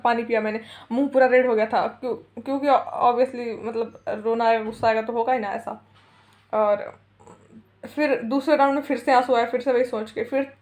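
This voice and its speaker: A young woman vlogger telling a heated personal story in a casual, rambling way, mixing English phrases into her talk and laughing often. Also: high-pitched. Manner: chatty, rambling, mixes English into Hindi.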